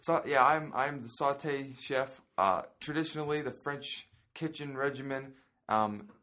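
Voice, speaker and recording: A young man from Indiana talks as a guest on a casual podcast. He is relaxed and laughs easily, pausing and hedging as he goes. His voice is of middle pitch. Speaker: podcast guest, culinary student. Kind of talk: casual chat.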